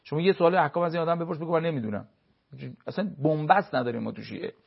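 Gravelly, husky man lecturing emphatically. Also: a little high, animated. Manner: emphatic, lecturing, with many rhetorical questions. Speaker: religious expert guest on a TV program. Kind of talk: televised religious talk on marriage advice. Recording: dull lo-fi broadcast sound.

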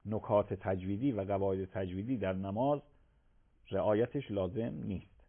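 Emphatic cleric on tinny broadcast. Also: male voice, fairly low pitch. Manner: emphatic, swings from loud to soft. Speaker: religious scholar answering callers. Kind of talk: live call-in religious Q&A. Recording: tinny phone-like broadcast audio.

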